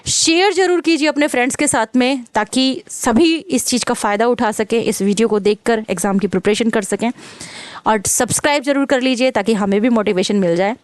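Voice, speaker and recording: A woman explaining a literature exam lesson, reading out English questions slowly and explaining them in Hindi mixed with English. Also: on the high side, no room sound. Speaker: literature teacher.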